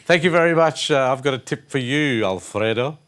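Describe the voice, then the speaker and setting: A man co-hosting a TV show, presenting briskly and upbeat. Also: medium pitch, lively intonation, a bit bright. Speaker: TV show co-host. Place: television studio.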